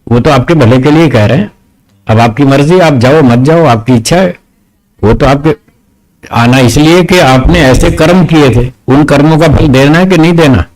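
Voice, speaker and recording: A man's voice: on the high side, darkish tone, low-quality recording. Male teacher answering questions. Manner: patient, explains step by step, asks rhetorical questions; firm with questioners.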